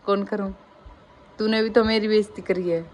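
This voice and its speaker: A woman's voice: mid-range voice, steady tone, moderate pace. A young woman with a Haryanvi accent, chatting emotionally in a casual family vlog, telling stories with teasing asides. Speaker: family vlogger. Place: home kitchen. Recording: noisy home phone recording.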